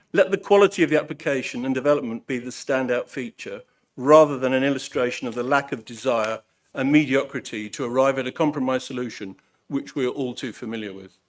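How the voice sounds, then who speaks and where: A man's voice: mid-range voice, fairly quick. A man reading out a formal, earnest and rhetorical statement as a parish council representative. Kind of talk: formal prepared speech, read out. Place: council meeting room.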